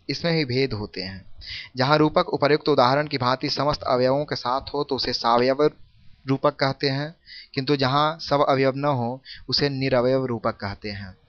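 A man reading a formal literature lesson aloud in a measured, careful way, slowing down to recite verse examples. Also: mid-range voice, fairly bright tone. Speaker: reader of a literature textbook. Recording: dull lo-fi recording.

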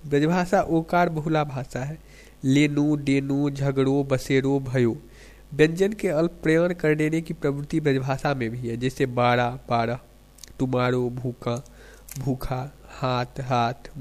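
A man reading a lecture on dialect features slowly and carefully, pausing after each word example. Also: medium pitch, darkish tone. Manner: slow, measured reading of word examples in lists. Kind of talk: academic lecture on Hindi dialects.

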